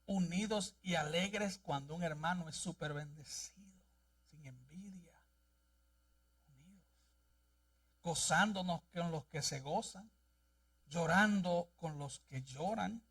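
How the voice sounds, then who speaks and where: A man's voice: a little high, slow pace, long pauses, a bit bright, breathy edge, far from the mic. A male pastor preaching a sermon and reading scripture aloud in a church, with an emphatic delivery. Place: church sanctuary.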